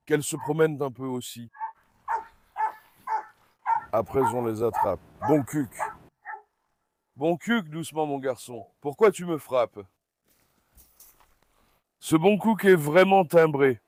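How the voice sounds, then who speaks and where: A man's voice: fairly high pitch, a little slow, long pauses, heavy background noise. A man vlogging from his farm in a casual, chatty way, coaxing his animals fondly. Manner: chatty, coaxing and fond when talking to animals. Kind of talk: casual vlog narration.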